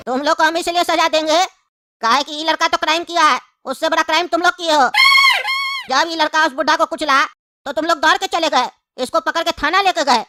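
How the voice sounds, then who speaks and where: A woman's voice: sits high, pushed and bright. A woman voicing a bossy male judge in a comedy skit who scolds and mocks the accused. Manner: scolding, mocking, threatening.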